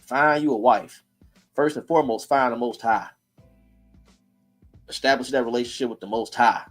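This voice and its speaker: A man's voice: medium pitch, normal speed, soft background music. A man hosting a casual streamed talk, blunt and preachy, in heated street slang. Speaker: host.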